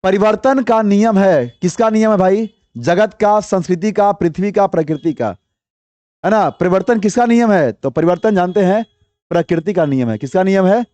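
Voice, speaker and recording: A man's voice: high-pitched, moderate pace, dark tone, no room sound. A young man teaching an online exam-prep lesson, explaining step by step, repeating each answer and quizzing his viewers.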